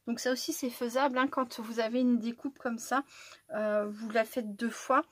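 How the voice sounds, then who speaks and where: A woman chatting casually through a scrapbooking tutorial, excitable and tired, with many fillers and restarts. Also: on the high side, moderate pace, dry recording. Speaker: scrapbooking vlogger. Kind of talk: casual crafting tutorial chat.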